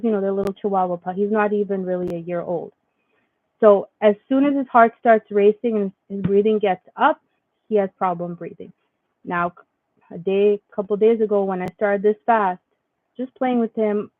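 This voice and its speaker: A woman's voice: medium pitch, dry recording. Rambling woman vlogger, tinny dry sound. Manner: rambling, filler-heavy storytelling with many restarts. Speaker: faith vlogger. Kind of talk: casual spiritual vlog monologue.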